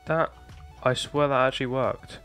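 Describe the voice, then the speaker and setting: In this casual Minecraft gameplay tutorial, a young creator explains a build to his "guys" with a slightly hoarse voice that's giving out. He has a medium pitch, fairly even intonation, a moderate pace and a slightly bright sound, with faint music underneath.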